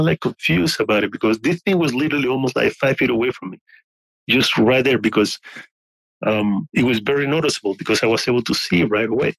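Halting man in his forties telling a story. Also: mid-range voice, vocal fry, a bit bright, breathy edge, no room sound, poor audio. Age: 40s. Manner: halting, many restarts and fillers. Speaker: guest. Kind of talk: casual storytelling.

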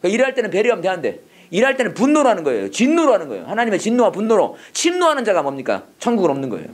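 A man's voice: high-pitched, huge pitch swings, rapid-fire. A middle-aged man teaching a Bible and English class, lecturing emphatically and leading students in call-and-response repetition. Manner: emphatic, preachy, drills phrases for repeating.

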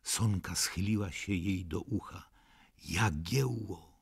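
Slow, gravelly male audiobook narrator. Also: on the low side, expressive. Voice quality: gravelly, husky. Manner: measured, dramatic reading. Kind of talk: scripted narration of a classic novel.

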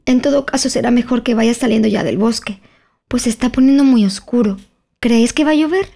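Woman playing an earnest sensible girl, slightly raised pitch, gravelly edge, storybook reading. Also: brisk, dark tone. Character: sensible, considerate young girl. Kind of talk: audiobook character voice.

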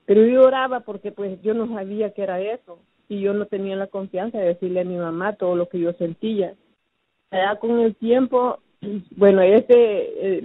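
A woman giving a personal testimony, recounting her past slowly and hesitantly, with many fillers and restarts. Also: mid-range voice, dry recording. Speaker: testimony giver. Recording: phone-like, dry narrow sound.

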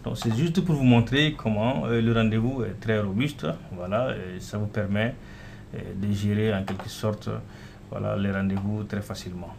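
With a creaky, fairly low voice, a developer clicks through a demo of his own app on a screen recording. His casual, unscripted delivery leans on "voilà" and "euh" to fill the gaps, and a soft hum lingers in the background.

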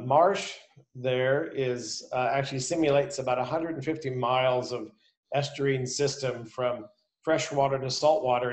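A middle-aged man walks through an explanation on a video call, restarting phrases and filling gaps with uhs. His voice is at an average pitch for a man. The room around him rings with echo. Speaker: panelist. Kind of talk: casual panel discussion.

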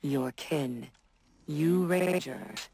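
Female synth robot, gravelly, very slow, cold and contemptuous, video game voice, faint hiss. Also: low voice, warm tone, heavily acted, low-quality recording.

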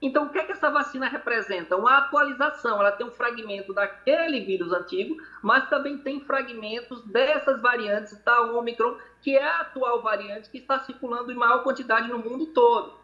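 Doctor guest, male, bright forceful voice, calling in on a dull echoey line. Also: very high-pitched, fairly quick, few pauses. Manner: hesitant, repeats words while explaining. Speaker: infectious disease doctor guest. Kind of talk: explanatory interview answers. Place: hospital. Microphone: video call. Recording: lo-fi echoey video call audio.

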